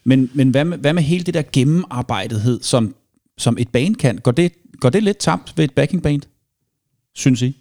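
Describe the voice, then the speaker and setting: A man with a mid-range voice, asking thoughtful questions in a casual conversation about music. He builds his questions slowly and repeats words as he goes. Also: medium pitch, animated, dark tone. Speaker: interviewer.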